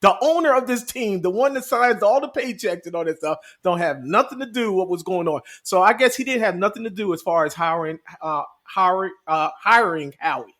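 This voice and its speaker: A man's voice: high-pitched, animated, brisk, hardly any pauses, a bit bright. A man co-hosting a sports podcast, arguing animatedly and repeating himself as he talks over the others. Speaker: podcast co-host. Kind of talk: casual sports debate.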